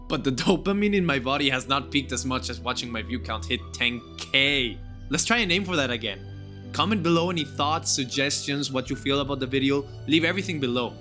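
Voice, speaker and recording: A man's voice: mid-range voice, sharp tone. A young man narrating a scripted gaming video in an enthusiastic, gushing and informal way.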